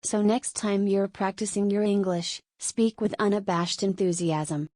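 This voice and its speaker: A woman giving a scripted explainer on tricky words, clear and lightly playful. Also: medium pitch, fairly even intonation, unhurried, a little mellow, no room sound, clean studio sound. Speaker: narrator. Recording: faint background music.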